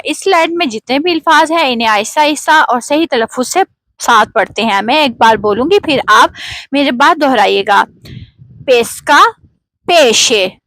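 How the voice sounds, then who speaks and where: A woman with a Pakistani Urdu accent, a native Urdu speaker, teaches pronunciation at a very unhurried pace. Her voice sits a little high and sounds dry and close, with no room around it. She says each word deliberately so learners can repeat after her. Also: fairly bright tone, no room sound, rough recording. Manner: slow and careful, models words for learners to repeat. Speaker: language teacher. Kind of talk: slow pronunciation lesson.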